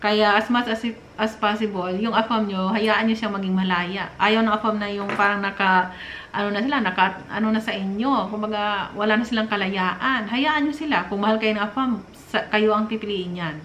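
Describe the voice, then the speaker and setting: Speaking at normal speed in a steady, slightly bright mid-range voice, a middle-aged woman from the Philippines chats and preaches about relationships. Fillers and small laughs pepper her talk, captured in a roomy space with a little background noise.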